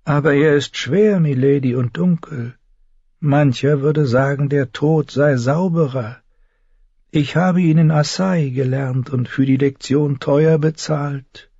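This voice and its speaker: Male reader doing a sharp, proud sorceress-healer in an audiobook: high, husky and slow, knowing and ominous. Slightly dull recording. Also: dry recording, full character voice. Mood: ominous, solemn.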